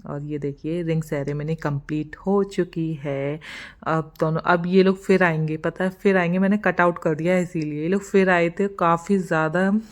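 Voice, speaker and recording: Chatty young woman vlogger, lowish voice. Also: steady tone, moderate pace. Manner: chatty, rambling, laughs at herself. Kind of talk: casual vlog voice-over.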